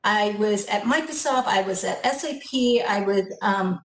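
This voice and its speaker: A woman's voice: medium pitch, moderate pace, a little hiss or hum. Friendly woman on an echoey call. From Hong Kong. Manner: friendly, conversational, some fillers. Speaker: panelist, company founder. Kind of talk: webinar self-introduction. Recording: roomy echo.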